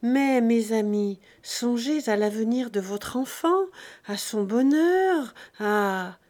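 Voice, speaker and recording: A woman voicing a calm, well-off gentleman who makes a measured, careful offer. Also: fairly high pitch. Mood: persuading.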